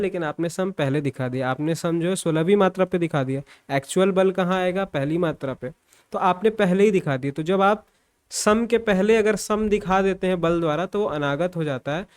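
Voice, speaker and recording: A young man giving a music exam-prep lecture, explaining step by step and often checking in and repeating points. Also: sits high. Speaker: music teacher.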